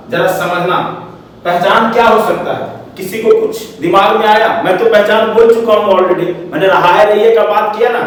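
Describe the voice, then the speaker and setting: High-voiced male teacher in an echoey classroom. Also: recorded from a distance. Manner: slow, repetitive teaching, asks the class questions; switches into slow, deliberate English. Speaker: English teacher. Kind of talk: classroom grammar lecture. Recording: roomy long echo, voice off-mic, faint background hiss.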